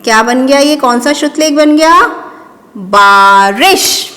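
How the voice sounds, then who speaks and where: A woman teacher giving a slow dictation lesson to young children, patiently spelling out each word syllable by syllable and repeating it. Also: sits high, steady tone, a bit bright, long reverb tail.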